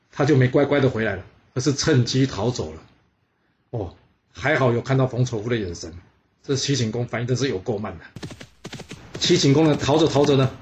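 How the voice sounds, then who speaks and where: A man tells history casually, with chatty, teasing asides. His speech is full of filler particles, at an ordinary middle pitch. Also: darkish tone. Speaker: storyteller.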